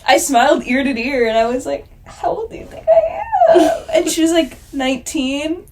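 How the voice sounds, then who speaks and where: A young woman in her twenties co-hosts a podcast in loose casual chat. Her voice sits a little high, and her level drops low as she laughs through a story and plays out the people in it. A faint hiss runs under the recording. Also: huge pitch swings, moderate pace, raised voice. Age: 20s. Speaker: podcast co-host.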